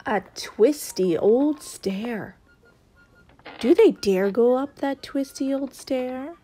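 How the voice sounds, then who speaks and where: A woman reads a picture book aloud for young children in a deliberate, suspenseful storytelling style. Her voice is high-pitched, mellow, and husky, with music in the background.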